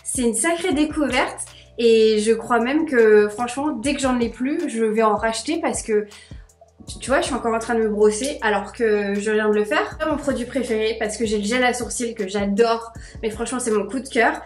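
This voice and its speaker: A woman's voice: fairly high pitch, moderate pace, echoey room, faint music behind. A young woman vlogging in a casual, bubbly, gushing way, chatting straight to camera. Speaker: beauty vlogger.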